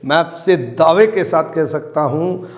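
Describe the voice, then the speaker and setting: A man's voice: fairly high pitch, measured pace. A man giving an emphatic motivational training talk on network marketing, repeating his key phrases. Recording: long hall reverb.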